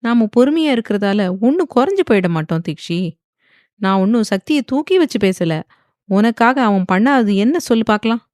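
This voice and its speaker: A woman's voice: fairly high pitch, expressive, normal speed, a little mellow, no echo, studio quality, close to an everyday voice. A woman voicing a patient middle-aged mother who firmly lectures her daughter. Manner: firm, lecturing.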